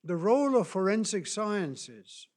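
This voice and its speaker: A man from South America delivering a lecture at a slow, measured pace, with a fairly high voice. He speaks deliberately, pausing often with fillers and restarting his phrases. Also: big pitch swings, a little mellow. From Chile and Argentina. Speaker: speaker on human rights law. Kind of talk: lecture presentation.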